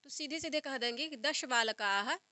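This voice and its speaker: A young woman teaching a grammar lesson for exam preparation, reciting word forms slowly and repeating them as she explains step by step. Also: high-pitched, pushed and bright, no echo. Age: young adult. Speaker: Sanskrit teacher. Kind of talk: exam-prep lecture.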